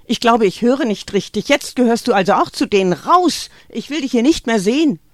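A woman's voice: fairly low pitch, expressive, normal speed, no room sound, clean studio sound. A woman voicing a fierce, volatile mother who warns and rages at those around her. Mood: furious shouting. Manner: shouting and urgent, sometimes conspiratorial.

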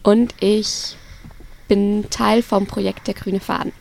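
Twenty-year-old woman with gravelly voice. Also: mid-range voice, level tone, slow pace, darkish tone, slight background noise. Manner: earnest, explaining with fillers. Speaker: student project organizer. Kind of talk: studio interview. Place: radio studio.

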